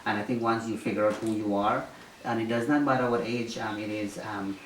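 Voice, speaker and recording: A man's voice: lowish voice, steady tone, fairly quick. Guy from guyana in an interview, lots of ums n restarts, distant mic, faint hiss. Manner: hesitant, many ums and restarts. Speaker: interviewee, former mayoral candidate. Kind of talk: casual interview answers. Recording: roomy echo, distant mic, faint noise.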